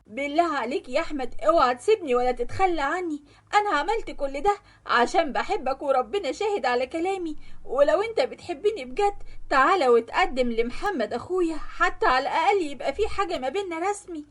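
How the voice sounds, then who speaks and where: A young Egyptian woman who pleads, high-pitched and fast-talking, as a woman storyteller puts her on. A storybook role. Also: expressive. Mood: pleading. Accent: Egyptian Arabic. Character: young woman, lovesick then frightened.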